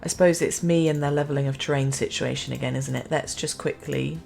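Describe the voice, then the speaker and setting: A woman's voice: rumbling low, steady tone, quick pace, vocal fry, a little mellow, faint music behind. A woman giving casual, self-mocking commentary as she plays a city-building game, chatting to herself and the game.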